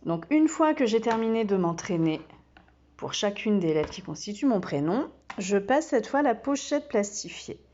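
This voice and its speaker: A woman who teaches kindergarten, giving a slow and patient step-by-step demonstration full of small fillers. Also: mid-range voice, very animated, mellow, muffled recording, a little hiss or hum.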